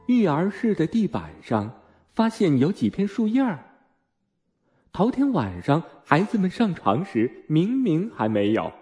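Male storybook narrator, slightly high voice, very animated delivery, faint music behind. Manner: expressive, slow storytelling. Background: soft music.

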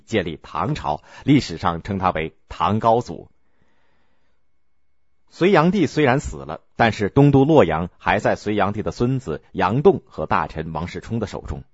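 A man narrating a historical story in a measured, expressive way. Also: low voice, dry recording. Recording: dull lo-fi recording.

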